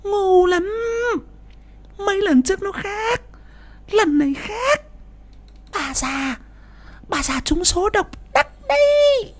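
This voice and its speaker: A woman's voice: lively intonation, takes it slowly, long pauses, heavily acted. A woman voicing a greedy, harsh daughter-in-law who snaps and scolds in an audio story. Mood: snapping angry. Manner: snapping, shrill, scolding.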